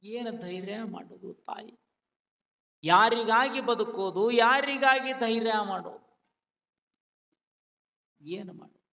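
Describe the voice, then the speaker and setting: A man's voice: high-pitched, slow pace, creaky, long pauses, sharp tone, pitched below the performer's own voice, full character voice. A man voicing a despairing young widow in a folk drama recitation, lamenting in a North Karnataka accent. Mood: grieving. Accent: North Karnataka Kannada. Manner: lamenting, pleading sing-song delivery. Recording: long hall reverb.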